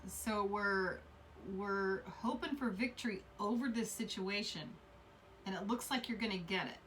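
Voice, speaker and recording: A woman's voice: mid-range voice, measured pace, fairly bright tone, distant mic, a little hiss or hum. A woman doing a casual tarot reading, rambling and repeating herself with many fillers. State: coughing fits. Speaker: tarot reader.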